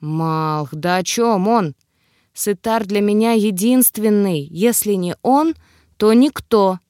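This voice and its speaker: A woman's voice: mid-range voice, takes it slowly, darkish tone, no room sound, clean studio sound, natural voice. Weak, pleading young heroine, read by a woman.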